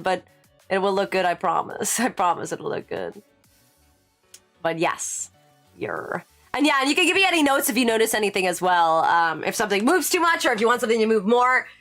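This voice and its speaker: A woman streaming live in casual chat. She answers chat as she works and jumps to sudden high exclamations. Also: fairly bright tone. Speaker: VTuber streamer.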